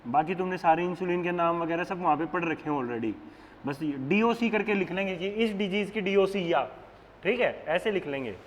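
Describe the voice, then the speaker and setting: With a high voice and moderate pace, a young Haryanvi-accented man mixes casual banter into his nursing exam lecture, joking with online students and calling them "beta." The classroom has long reverb and faint background noise.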